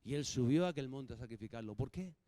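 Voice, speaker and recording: A man preaching a sermon, lively and humorous, acting out little dialogues between the points. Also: medium pitch, fast, no room sound. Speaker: pastor.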